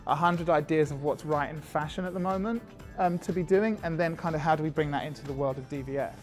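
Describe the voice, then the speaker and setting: A fashion creative director, a man with a fairly high voice, talks fast and at length in a casual interview, with soft music in the background. He's chatty and full of fillers, getting animated whenever he describes his designs.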